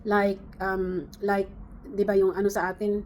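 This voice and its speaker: A woman's voice: medium pitch, little pitch movement, a little slow, a little mellow, a little hiss or hum. A middle-aged woman from the Philippines, chatting casually to camera, rambling with many fillers and restarts. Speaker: vlogger.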